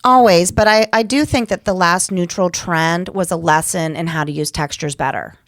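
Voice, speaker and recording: A woman's voice: on the low side, moderate pace, a bit bright, dry recording. Chatty middle-aged woman co-host. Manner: enthusiastic, chatty. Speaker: podcast co-host. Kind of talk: casual chat.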